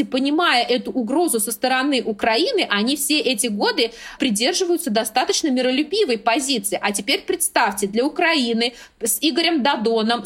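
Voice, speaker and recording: Woman political commentator, high bright register, steady explanatory delivery. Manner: measured, opinionated, explanatory. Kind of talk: analytical political talk.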